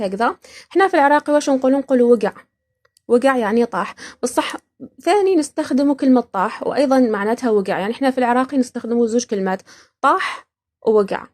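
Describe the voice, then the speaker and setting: A woman's voice: on the high side, a little mellow. A woman from Iraq hosting a podcast, casually explaining words and laughing often between points. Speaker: podcast host.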